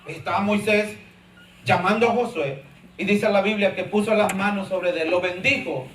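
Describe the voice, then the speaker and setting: Guy preaching, high voice, sounds far from the mic in a roomy hall. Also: fairly even intonation, moderate pace, a bit bright. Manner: earnest, addresses listeners as brothers, acts out quoted voices. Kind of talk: sermon. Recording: echoey room, mic far off, faint ambient noise.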